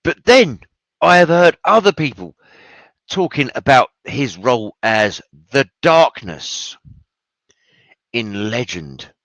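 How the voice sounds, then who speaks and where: Male host, casual film talk, swears freely, animated delivery, unhurried pace, dry close sound. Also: medium pitch, dry recording, poor audio. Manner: enthusiastic, swears freely, rambling asides. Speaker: podcast host.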